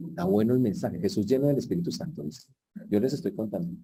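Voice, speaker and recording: A man's voice: on the low side, expressive, fast, dark tone, breathy edge. A man preaching a sermon in a conversational way, with playful asides. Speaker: pastor.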